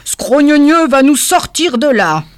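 A weary but good-natured Father Christmas from a storybook, read in a woman's near-natural voice. Calm and a little exasperated. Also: high voice, measured pace, no echo, pitched above the performer's own voice.

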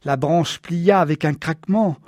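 Brief: a male audiobook narrator, somber and measured, somewhat high-pitched, dry close recording. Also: darkish tone, no echo. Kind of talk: scripted first-person narration.

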